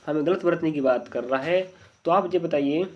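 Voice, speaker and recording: A man with a slightly high voice teaches an exam-prep spelling lesson. He keeps asking his students whether they follow. The audio is dull and lo-fi. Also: normal speed. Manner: repeated checking questions to students.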